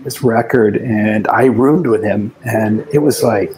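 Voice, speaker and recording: A man's voice: on the low side, measured pace, noisy background. A man, a guest musician, telling rambling anecdotes in a casual interview, often restarting his sentences.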